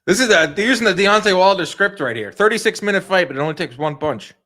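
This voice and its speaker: A man's voice: sits high, animated, fast talker, bright, forceful tone. A man hosting a live boxing stream, chatting casually and giving his opinions while talking to viewers in the chat. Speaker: boxing livestream host. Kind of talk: casual live fight commentary.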